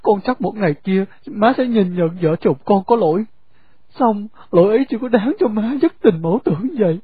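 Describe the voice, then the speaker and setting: A woman's voice: mid-range voice, expressive, normal speed, slightly rough. A woman voicing a devoted young husband who pleads earnestly with his mother. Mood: pleading. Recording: phone-like narrow sound.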